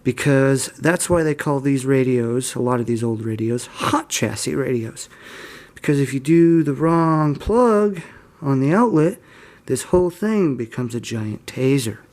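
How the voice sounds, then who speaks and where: An unhurried man with a medium-pitched voice hosts a hobbyist video, chatting casually as he demonstrates hands-on. He rambles a little and is self-deprecating in an informal way. The background has electrical hum and faint static, and the recording holds a steady mains hum and room noise.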